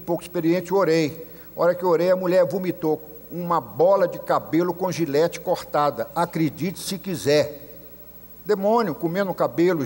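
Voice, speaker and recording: This messianic rabbi speaks with a Brazilian Portuguese accent and a fairly high, slightly mellow voice. He preaches a sermon full of stories, acting out the voices of the people he quotes, and a long hall reverb trails his words.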